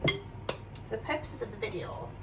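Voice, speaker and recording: Loud music plays behind this older Yorkshire woman's expressive, medium-pitched, slightly slow voice, which carries a mixed northern English accent. Cooking in her home kitchen as a vlogger, she chats casually and self-deprecatingly, often tagging sentences with questions, picked up on a distant mic with clear background noise.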